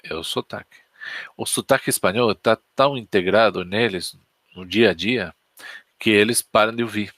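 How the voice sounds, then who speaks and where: A native Spanish speaker from Spain teaches on a live stream as if chatting with viewers, telling stories in an easy, anecdotal way and asking the audience questions. His accented voice is fairly low with a fairly bright tone, recorded close and dry with no room echo.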